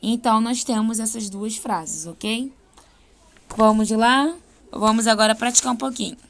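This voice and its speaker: A young adult woman with a Brazilian accent teaching an English class, explaining patiently and slowing down for example sentences. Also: on the high side. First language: Portuguese. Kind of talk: online class lesson.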